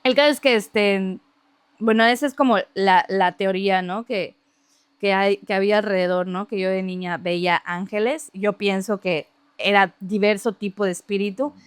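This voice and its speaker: A woman telling a story from her childhood in casual, lively conversation, laughing often and imitating other people's voices. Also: mid-range voice, normal speed, smooth, dry recording. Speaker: podcast guest.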